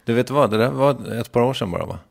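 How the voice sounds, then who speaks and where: A man's voice: mid-range voice, vocal fry. A man with a Stockholm accent hosting a casual interview, asking questions and often hesitating and restarting his sentences. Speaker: host, interviewer.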